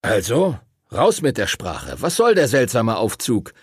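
A gruff, impatient teacher who grumbles curt remarks, as a man voices him in a storybook reading. The voice is husky and gravelly, close to the reader's own, with lively intonation. The sound is dry and close. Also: medium pitch, normal speed, no room sound, pitched above the performer's own voice.

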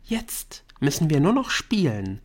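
A man's voice: sits high, big pitch swings, unhurried, voice pushed up, heavily acted. Bryn, a man putting on a clingy teenage girl. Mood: whispering.

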